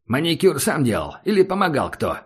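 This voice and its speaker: A man's voice: a little high, wildly swooping pitch, a little fast, breathy edge, full character voice. A man reading an audiobook and voicing a sarcastic tough male skinhead survivor who mocks and swears coarsely. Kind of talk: audiobook character voice.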